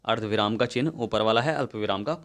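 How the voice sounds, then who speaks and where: A man's voice: lowish voice, quick pace, a bit bright. A young man teaching a Hindi grammar exam-prep lesson, talking students through each question step by step and often checking that they follow.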